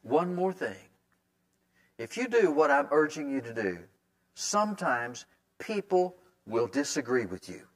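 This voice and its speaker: A man's voice: on the high side, very animated, measured pace. A middle-aged male pastor preaching a sermon in a conversational, folksy way, hammering points home with repeated words.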